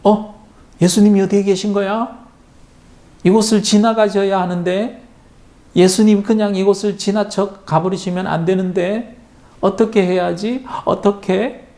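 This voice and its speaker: A man voicing a desperate blind beggar who cries out in long drawn-out wails. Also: high voice, steady tone, dark tone, voice pushed up. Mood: anxious.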